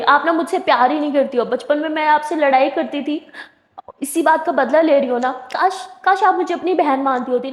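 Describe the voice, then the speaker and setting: A woman's voice: high-pitched, mellow, natural voice. A woman playing a manipulative younger sister who pleads with fake tears, in a storybook reading. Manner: pleading, wounded tone that turns sly. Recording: roomy echo with long reverb.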